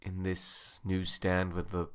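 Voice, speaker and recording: A man co-hosting a comedy podcast, telling his part of an improvised story in a chatty, quick first-person way. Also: low voice, monotone, clean tone.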